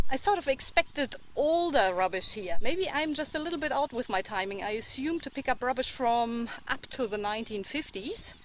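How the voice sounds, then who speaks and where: A woman's voice: high-pitched, fairly bright tone, a little hiss or hum. A woman chats casually and muses aloud as she hosts a metal-detecting vlog. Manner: chatty, musing aloud with tag questions. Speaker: metal-detecting treasure hunter and vlog host. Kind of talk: casual vlog commentary while digging.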